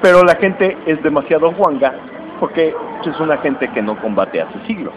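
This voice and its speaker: Mexican male podcast host, slangy storyteller, slightly high voice, lo-fi with clear noise. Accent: Mexican Spanish. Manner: animated, slangy, acts out lines in quick voices. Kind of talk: casual chat retelling a comic plot. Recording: dull lo-fi recording with steady noise.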